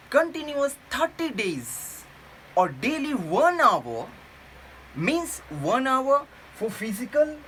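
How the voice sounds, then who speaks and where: Slow, earnest woman teaching. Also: a little high, fairly bright tone, a little hiss or hum, poor audio. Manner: earnest, repeats points and self-corrects. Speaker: English teacher, runs a tutoring organization. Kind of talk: video lesson with tips.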